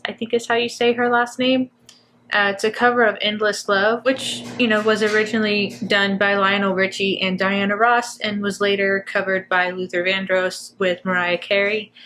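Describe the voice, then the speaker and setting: A woman's voice: mid-range voice, fairly bright tone, a little hiss or hum. A woman hosting a music reaction video, talking casually and effusively, rambling with fillers and restarts. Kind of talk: casual reaction chat to camera.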